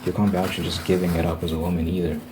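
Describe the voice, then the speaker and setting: Talking very fast in a low, level tone, this man rambles through opinionated, casual advice about relationships, hammering points home by repeating phrases. No background noise intrudes on the recording.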